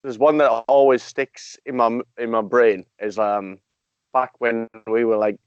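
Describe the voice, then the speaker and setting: A man hosting a casual chat over a call, recalling stories with halting restarts. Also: medium pitch, steady tone, smooth, no room sound. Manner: hesitant, repeats words while recalling. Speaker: podcast host. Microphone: video call. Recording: dull dry call audio.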